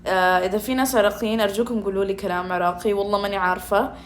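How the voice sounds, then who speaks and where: A woman's voice: mid-range voice, fairly even intonation, very fast, a little hiss or hum. A woman, streaming a game from home and chatting playfully with her viewers. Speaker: gaming streamer. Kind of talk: casual gaming commentary.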